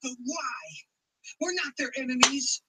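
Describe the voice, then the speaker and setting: High, urgent cartoon heroine. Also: female voice, measured pace, very noisy. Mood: hurt, distrustful. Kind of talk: animated series voice acting.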